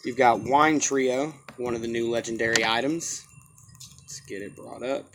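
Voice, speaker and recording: A man's voice: mid-range voice, fairly even intonation, moderate pace, noisy background. A man reviews a game in a casual, unscripted way, with a mid-range voice. He states his opinions plainly and often repeats a phrase to drive it home. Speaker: game reviewer commenting on new cards. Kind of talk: casual off-the-cuff review commentary.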